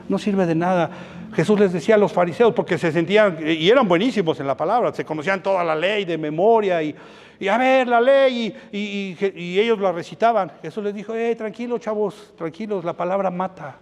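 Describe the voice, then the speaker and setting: A high-pitched man preaches in a church, switching between voices as he acts out his own stories. Long reverb from the hall trails each phrase. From Mexico. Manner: animated storytelling, acting out dialogues. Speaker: pastor. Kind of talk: sermon.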